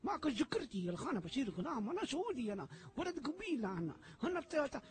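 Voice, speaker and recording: A man playing a high-voiced, boastful fake-Saudi Pakistani. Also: very animated, very fast. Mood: pleading. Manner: broken Arabic, boastful, teasing, pleading. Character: Pakistani man posing as a Saudi tribesman, pushy and flirting. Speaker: prank caller. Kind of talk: comedy sketch phone call.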